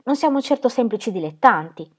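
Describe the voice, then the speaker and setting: A woman reading a novel aloud, lifting her voice for the characters' dialogue and dropping it low for the speech tags. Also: expressive, fairly quick. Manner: lifts pitch and volume for quoted dialogue, drops low for speech tags. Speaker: reader of a novel.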